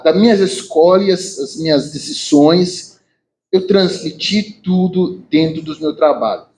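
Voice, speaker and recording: A man from Nigeria with a Nigerian English accent in non-native Portuguese, giving an earnest, halting informal speech as an artist. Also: on the high side, a little mellow, rough recording. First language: not a native Portuguese speaker. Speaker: visual artist.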